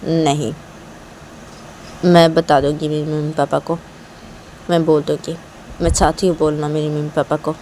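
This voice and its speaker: A woman's voice: sits low, flat delivery, moderate pace, pauses often, mellow, slight background noise, natural voice. A woman voicing a determined young woman who insists earnestly and repeats her resolve.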